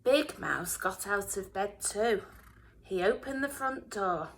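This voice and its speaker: A woman reading a children's storybook aloud in a dramatic way, often dropping into hushed whispers. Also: mid-range voice, lively intonation, slow pace, background noise. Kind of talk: expressive children's storybook narration.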